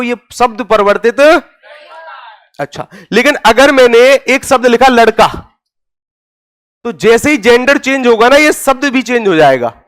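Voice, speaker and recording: A man teaching a Hindi grammar class, asking his students questions and answering them himself, with loud stresses on key words. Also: extremely high pitch.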